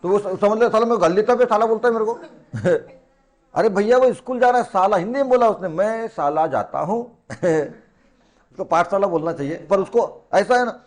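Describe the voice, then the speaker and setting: High-voiced coaching teacher. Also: male voice, normal speed. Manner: colloquial and teasing, repeats key words, asks students rhetorical questions. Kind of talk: classroom lecture.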